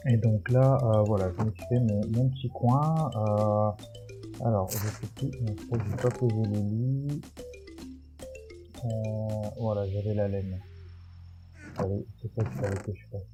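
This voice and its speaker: A gaming YouTuber stuffy with a cold chats hesitantly through casual Minecraft commentary, full of fillers and restarts. His lowish voice stays steady and unhurried, with music playing behind.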